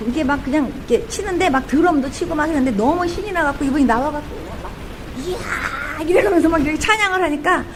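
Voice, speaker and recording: A woman pastor giving an animated testimony sermon, telling a story with fervor and breaking into bits of hymns. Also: sits high, fast talker, few pauses, noisy background. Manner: animated storytelling, sings hymn snippets, fervent.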